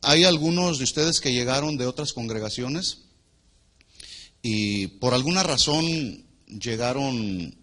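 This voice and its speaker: This pastor addresses his congregation in a church hall in a medium-pitched voice, questioning the people and waiting to hear their answers. He moves back and forth between forceful, loud statements and soft asides.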